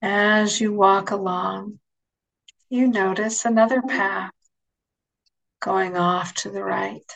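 A woman leading guided relaxation imagery as an instructor, speaking softly and soothingly, with phrases that sink toward a breathy near-whisper. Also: medium pitch, fairly even intonation, slow pace, long pauses, low-quality recording.

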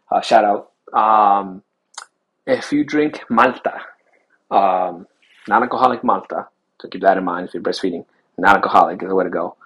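A man's voice: fairly low pitch, breathy edge, low-quality recording. A young man from Chile hosting his own podcast as a new father, talking casually with many fillers and restarts. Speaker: podcast host. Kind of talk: casual solo podcast talk.

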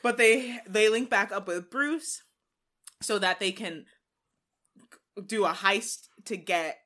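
A woman's voice: mid-range voice, takes it slowly, sharp tone. A woman co-hosting a casual movie chat, retelling scenes and laughing often. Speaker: podcast co-host.

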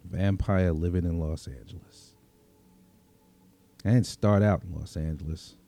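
A man reads a first-person story in the role of a world-weary, streetwise vampire vigilante, speaking in a conversational, brooding Brooklyn accent. His low, mellow voice moves at a measured pace, and the mood is weary and bitter.

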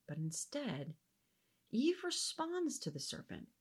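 Woman Bible teacher, earnest and reflective, lively pitch, occasional soft whispered asides. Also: slow pace, husky.

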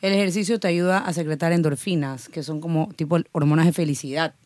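Fast-talking lower-voiced woman. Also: steady tone, a little mellow, no room sound. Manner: quick, explaining. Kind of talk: casual chat.

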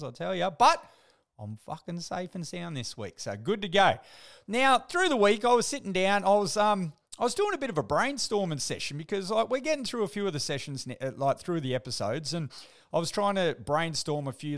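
A man's voice: fairly high pitch, creaky. A middle-aged man with an Australian accent hosting a casual solo podcast, talking like a blokey, sweary tradesman full of slang. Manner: blokey, laid-back tradie slang, swears freely. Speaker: podcast host.

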